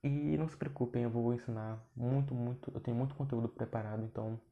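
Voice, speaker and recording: Gravelly Brazilian man teaching casually. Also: medium pitch, steady tone, fast talker, narrow, tinny audio. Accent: Brazilian Portuguese. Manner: chatty and informal, with frequent restarts. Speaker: podcast host and English teacher. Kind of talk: casual podcast lesson.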